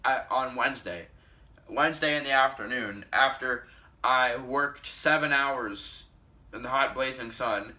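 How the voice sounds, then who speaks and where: A man's voice: medium pitch, bright, forceful tone. A teenage boy telling a storytime vlog, rambling with many restarts and self-corrections. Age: teens. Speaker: vlogger.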